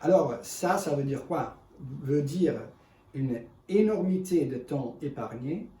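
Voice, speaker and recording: A man in gives an unscripted product demonstration in halting, self-correcting, speech. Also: on the high side, lively intonation, dark tone. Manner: halting non-native French with self-corrections. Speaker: ice cream machine presenter. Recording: echoey room, distant mic, faint noise.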